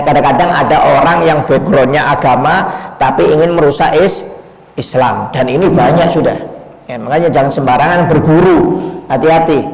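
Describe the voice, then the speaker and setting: A male Islamic preacher giving a sermon, emphatic and full of rhetorical questions, speaking directly to his listeners. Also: fairly high pitch. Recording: echoey hall.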